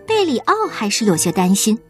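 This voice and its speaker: Expressive woman telling a bedtime story. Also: medium pitch, a little fast, soft background music. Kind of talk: children's bedtime story reading.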